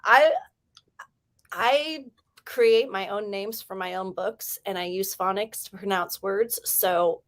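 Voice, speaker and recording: A woman hosting a casual writing livestream, hyper and chatty, rambling with quick restarts. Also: medium pitch. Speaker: livestream host running writing sprints.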